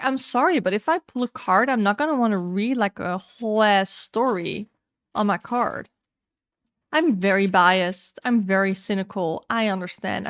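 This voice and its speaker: Recorded dry and at studio quality, this mid-range female voice belongs to a young tarot YouTuber whose first language is Dutch. She chats casually about upcoming tarot and oracle decks, speaking her mind frankly.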